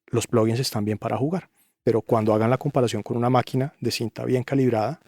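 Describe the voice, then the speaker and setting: A man's voice: mid-range voice, fairly even intonation, quick pace, darkish tone, no room sound, studio quality. Emphatic man making his case. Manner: emphatic, opinionated, repeats points with rhetorical questions. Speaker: guest, audio engineer. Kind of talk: podcast interview.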